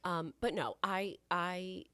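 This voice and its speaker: A woman's voice: fairly low pitch, slow, no room sound. A woman in her thirties co-hosting a podcast, talking casually and laughing often. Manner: animated and laughing, fiddling with the recording settings. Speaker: podcast co-host, company founder. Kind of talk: casual chat.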